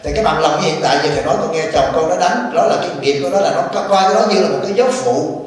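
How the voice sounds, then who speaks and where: A male Buddhist abbot, counseling a woman in a teasing, animated way during an informal Dharma talk. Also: on the high side, racing. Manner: teasing, animated, addresses listener as child. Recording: echoey hall, from far off.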